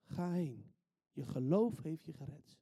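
A man voicing Jesus, a gentle male teacher who speaks slowly and calmly. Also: on the high side, creaky, husky, dry recording, voice pushed down, exaggerated voice.

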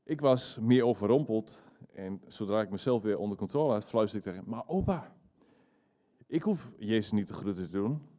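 A man's voice: lowish voice, expressive, moderate pace, mellow, lightly acted. A man voicing an earnest young woman, the granddaughter of a dying old man, in an eager, raised voice.

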